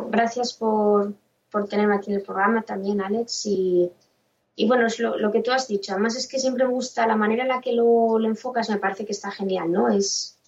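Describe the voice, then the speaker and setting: A woman from Spain, guest on a podcast, talking casually and thinking aloud with restarts. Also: medium pitch. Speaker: podcast guest, parent and author. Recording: roomy, distant, dull remote line.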